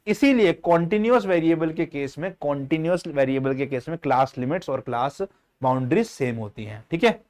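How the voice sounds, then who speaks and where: A male teacher gives a live online class in a fairly high voice. He explains step by step and keeps asking whether his students follow. He talks to them fondly, calling them child and brother. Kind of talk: live online statistics lesson.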